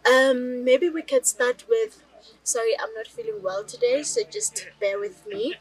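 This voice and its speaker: Recorded with poor audio, this young rural South African woman speaks a little slowly in a voice on the high side. A native Northern Sotho (Lobedu) speaker, she vlogs personally to camera as a storyteller, chatting with viewers and tossing rhetorical questions their way.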